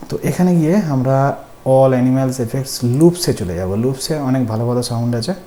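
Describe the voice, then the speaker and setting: A man's voice: medium pitch, a little fast, warm tone. Patient man teaching coding step by step. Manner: patient, explaining step by step with questions to students. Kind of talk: screen-recorded tutorial. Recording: faint background noise.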